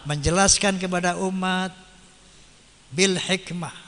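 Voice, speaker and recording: A man's voice: high-pitched, steady tone, slow pace, a bit bright. A man preaching a sermon who chants Arabic verses and translates them, asking rhetorical questions and answering them himself. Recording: long hall reverb.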